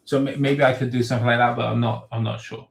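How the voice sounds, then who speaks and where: A man's voice: medium pitch, little pitch movement, fast, creaky, a little hiss or hum. A man, an author hosting a casual livestream Q&A, reading viewer questions aloud and giving rambling, off-the-cuff answers. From grew up in England, born in Thailand. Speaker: web novel author hosting a Q&A. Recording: roomy echo.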